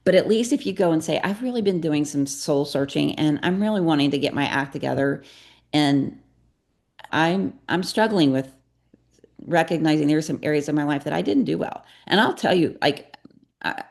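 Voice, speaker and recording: A woman's voice: low voice, normal speed, creaky, darkish tone. A middle-aged woman guest on a podcast, earnestly telling a personal story and acting out bits of dialogue. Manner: earnest, confessional, acts out dialogue. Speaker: guest, psychotherapist and parenting coach.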